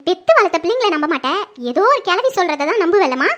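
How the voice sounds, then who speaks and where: A cheeky young daughter impatiently talks back to her mother, as a performer puts her on. Her voice is high and bright, and her delivery is blunt in this homemade family skit. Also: very animated, fast, lo-fi sound, heavily acted. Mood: defiant. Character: defiant young woman defending her sister. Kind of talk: home-made Tamil family skit acting.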